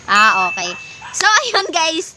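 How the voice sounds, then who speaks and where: A woman's voice: very high voice, big pitch swings, slow pace, noisy background. A Filipino woman chatting casually in a home vlog, mixing English into her talk, with lots of fillers. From Philippines. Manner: chatty, mixes English into Tagalog, many fillers, laughs often. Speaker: plant vlogger.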